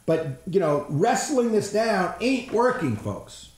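A man giving an energetic, blunt, folksy presentation on innovation, sometimes swearing for emphasis. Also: high-pitched, takes it slowly, reverberant. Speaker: innovation trainer.

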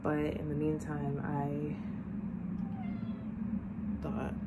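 A woman's voice: low voice, monotone, heavy background noise. Tired, chatty woman vlogging on her phone. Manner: chatty, tired and drowsy, with sighs and drawn-out words. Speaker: beauty vlogger. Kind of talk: casual vlog talk to camera. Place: bedroom at home, indoors. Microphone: phone or camera held close.

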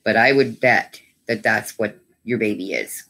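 Low-voiced chatty woman hosting a craft stream. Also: measured pace, a bit bright, breathy edge. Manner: chatty and doting, coos baby talk to her dogs. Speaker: craft channel host. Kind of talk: casual livestream chat.

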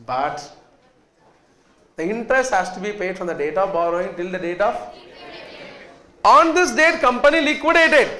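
A man's voice: sits high, a bit bright. A man in his thirties with a South Indian accent, teaching a class emphatically, repeating points and putting questions to students. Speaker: accountancy lecturer. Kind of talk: classroom lecture. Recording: echoey classroom with students faintly audible.

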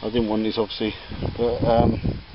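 With a fairly low pitch and completely flat delivery at normal speed, a man casually rambles through his auction finds outdoors in a garden and workshop, full of ums and restarts. A crowd can be heard in the background, plus faint outdoor ambience and church bells, on slightly dull camera audio with faint background noise.

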